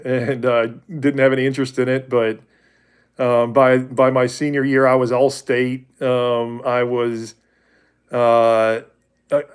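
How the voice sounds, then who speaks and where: A man's voice: mid-range voice, clean tone. 40s guy rambling on a faith livestream, candid, keeps correcting himself. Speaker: livestream host. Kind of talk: casual faith talk with viewers.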